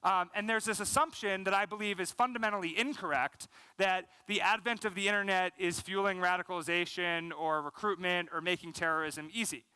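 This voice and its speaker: A brisk, high-pitched voice, clear and resonant, comes from an American man in his thirties delivering a keynote on a large conference stage. Fluent, energetic, and gesturing, he still fills gaps with "um" and "you know." His headset mic records no room sound, though quality is low.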